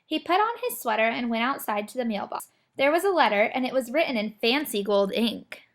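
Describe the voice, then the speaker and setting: A woman reading a children's picture book aloud in an expressive storytelling manner. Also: fairly high pitch, fairly quick.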